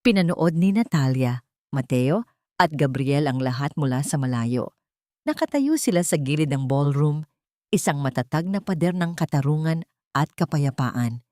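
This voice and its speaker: A woman with a Filipino accent narrates a scripted dramatic story as an audiobook. Her voice sits low with a darkish tone, recorded at studio quality with no room sound.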